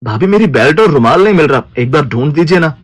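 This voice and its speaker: A man's voice: on the high side, animated, fast talker, no room sound, studio quality. Man playing a polite young husband. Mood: mild. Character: mild young husband and family men.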